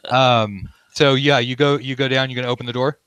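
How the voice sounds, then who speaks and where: A man improvising narration as game master of a tabletop game, often halting to search for words. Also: mid-range voice, fairly even intonation, fairly bright tone, clean tone.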